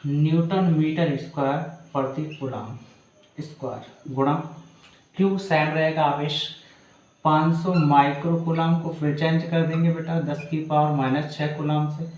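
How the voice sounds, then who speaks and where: A man's voice: on the high side, fairly even intonation, unhurried, a little mellow. A man teaching physics, working a problem step by step and calling students "beta". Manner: calls students "beta", walks through each step. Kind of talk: step-by-step problem solving lesson. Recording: very echoey room.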